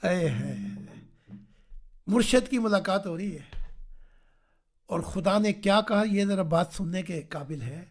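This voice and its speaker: A male preacher telling a religious story on a video call, animated, who keeps asking his listeners whether they understand. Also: high-pitched, pauses often. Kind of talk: storytelling sermon. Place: online meeting.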